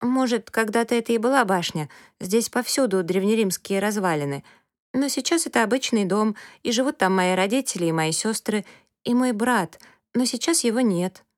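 A woman voicing a lively, curious young girl who talks frankly and eagerly in a storybook reading. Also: medium pitch, normal speed, no room sound, studio quality, pitched above the performer's own voice, lightly acted.

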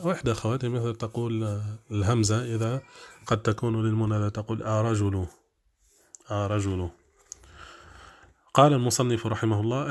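A man teaching Arabic grammar in a classroom lesson, explaining step by step with drawn-out fillers and frequent checks that listeners follow. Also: fairly low pitch.

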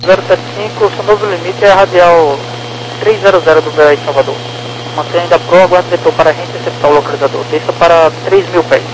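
A man's voice: on the high side, fairly even intonation, quick pace. A Brazilian man working as an air traffic controller, giving clipped instructions over an aircraft radio. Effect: aircraft radio transmission. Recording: noisy aviation radio with hum.

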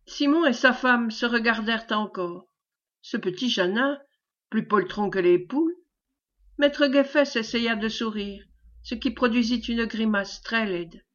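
A woman reading a classic novel aloud in a measured storytelling manner, on a dull lo-fi recording. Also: on the high side, fairly bright tone. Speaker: audiobook reader. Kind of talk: scripted novel narration.

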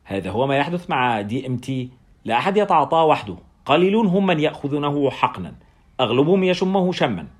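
A man's voice: fairly high pitch, very animated, fast. A man voicing a chatty German anesthetist. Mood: explaining. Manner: explaining drug facts, lecturing.

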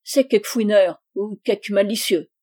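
A woman voicing a calm, big red-bearded fisherman who speaks steadily. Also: mid-range voice, moderate pace, lightly acted.

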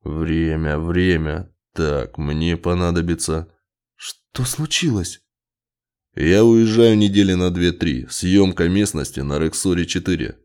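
A man's voice: low-pitched, unhurried, a little mellow. A male narrator voicing a cold, irritable scientist husband who talks curtly and sneers. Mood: coldly gleeful. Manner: curt, snapping, sneering.

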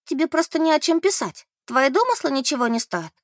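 A woman voicing a hot-tempered, protective young woman in an audiobook, sharp and indignant. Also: high-pitched, big pitch swings, brisk, dry recording, studio quality, voice pushed up. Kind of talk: audiobook character reading.

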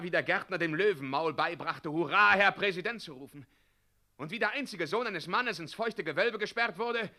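Lancelot, a fierce, sharp-voiced knight. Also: male voice, on the high side. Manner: theatrical, swinging between hushed and thundering. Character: bitter, weary heroic knight and dragon slayer. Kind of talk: classic German radio play acting.

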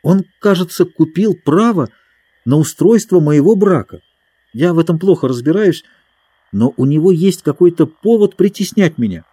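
A man's voice: a little high, animated, moderate pace, breathy edge, no echo, clean studio sound, pitched above the performer's own voice. An adult man voicing a timid, earnest young girl disguised as a boy in a storybook reading. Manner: gentle, pleading, earnest.

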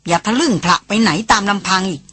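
A woman voicing a calm elder brother who placates his quarrelling siblings in an audiobook. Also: lowish voice, fast talker, husky, soft background music. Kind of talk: audiobook character reading.

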